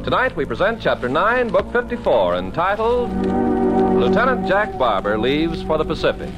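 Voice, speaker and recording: A man's voice: a little high, wildly swooping pitch, moderate pace, rough recording. A man announcing a 1940s radio drama in a formal, declamatory old radio announcer's style. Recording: 1940s radio broadcast over loud music.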